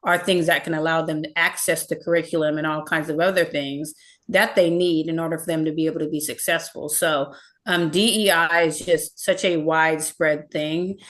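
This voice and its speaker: A woman special education teacher with a fairly low voice. She explains her points in a steady, affirming way during a casual discussion. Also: normal speed.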